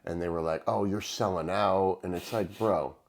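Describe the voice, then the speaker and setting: Fifty-year-old guy, really deep voice, easygoing podcast chat, tells stories, reassures his buddy. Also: steady tone, normal speed. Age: 50s. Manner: reassuring, storytelling. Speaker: gym owner and co-host.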